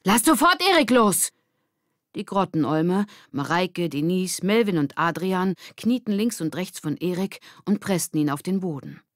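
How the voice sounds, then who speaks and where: A woman narrating a children's audiobook with calm, measured storytelling. Her voice is low-pitched and the recording is close and dry, with no room sound around it. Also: no room sound.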